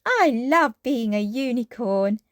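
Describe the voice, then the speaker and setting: A woman's voice: fairly high pitch, animated, no echo, clean studio sound. A woman voicing a cheerful, imaginative little girl pig with a sweet, childlike delivery in a children's storybook. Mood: happy, excited. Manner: sweet, childlike, drawn-out phrases. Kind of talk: children's storybook read-aloud.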